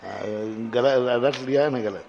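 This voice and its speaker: A man teaching a class, correcting students as they recite a verse and sounding out syllables slowly to show them how. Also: medium pitch, creaky, muffled recording. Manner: patient, corrective, repeats syllables slowly to demonstrate. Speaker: Jain monk teacher.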